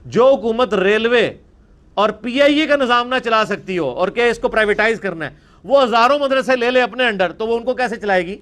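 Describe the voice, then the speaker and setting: A man's voice: very high-pitched, a bit bright. A man giving a religious lecture, arguing and mocking his opponents' views. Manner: mocking, argumentative, mimics opponents.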